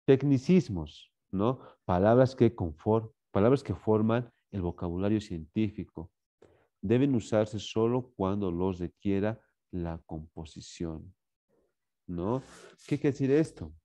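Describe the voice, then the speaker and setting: Bolivian male teacher, low warm voice, lecturing tone with constant check-ins. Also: expressive, a little slow. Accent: Bolivian Spanish. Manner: repeats "¿no?" and "muy bien" as tags; addresses students as "señores". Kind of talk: classroom lecture.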